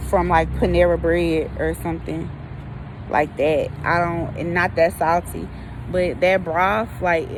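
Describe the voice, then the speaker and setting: American lady vlog chat, kinda low voice, folksy n rambly, bit of outside noise behind her. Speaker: vlogger. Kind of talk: casual chat to viewers, rambling.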